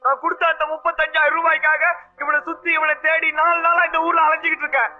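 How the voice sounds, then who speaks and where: A man's voice: very high voice, little pitch movement, fast talker. An actor playing a desperate man chasing a debt for his sister's wedding, talking in a pleading, bitter, emotional way. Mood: anguished. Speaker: film actor. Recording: tinny phone-like remastered film audio with music.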